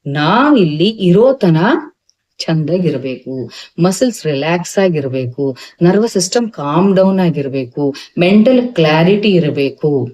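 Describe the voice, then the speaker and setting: Speaking to camera with a North Karnataka Kannada accent, an Ayurvedic doctor gives a health talk in a mid-range, expressive, unhurried voice with a darkish tone. He speaks emphatically, asks rhetorical questions and mixes in English medical terms.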